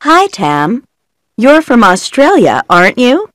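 Friendly lady quizzing kids for course audio, high sing-songy, slow, dry sound. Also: big pitch swings, fairly bright tone, dry recording, heavily acted. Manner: clear, deliberate questions. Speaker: voice on an English course listening recording.

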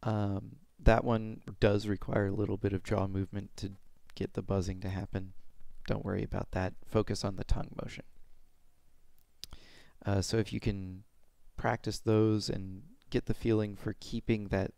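A young adult man giving an informal, step-by-step pronunciation lesson in a halting way, speaking into a headset mic at home. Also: fairly low pitch, flat delivery, vocal fry, mellow, no echo. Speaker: pronunciation teacher. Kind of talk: informal instructional explanation with demonstrated sounds. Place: small room at home.

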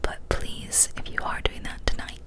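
In a small, decorated indoor room, a young woman who hosts ASMR reads a story and chats entirely in a soft, breathy, unvoiced whisper. Her delivery is slow, gentle, and soothing, captured up close by a studio microphone mounted on an arm.

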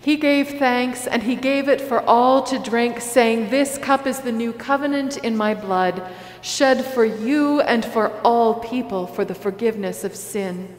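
A woman pastor leading prayers and the communion liturgy in a large church sanctuary, with a slow, measured cadence. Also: on the high side. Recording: echoey church hall.

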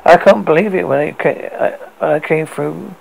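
Storybook part: worried grown daughter read by a man, British, heavily creaky, over background noise. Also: a little high, normal speed, darkish tone, low-quality recording. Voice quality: gravelly. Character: worried adult daughter fretting over her ailing father.

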